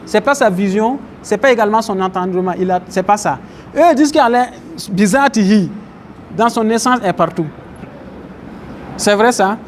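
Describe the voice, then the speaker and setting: At a normal speed and high pitch, a man works through Arabic terms and puts questions to his listeners. He's an Islamic teacher holding a religious class in a mosque, where slight background noise and faint traffic from outside can be heard.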